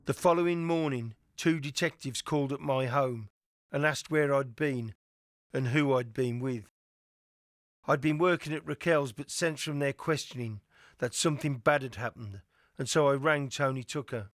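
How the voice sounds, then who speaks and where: A man giving scripted, measured true-crime documentary narration. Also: mid-range voice, no room sound.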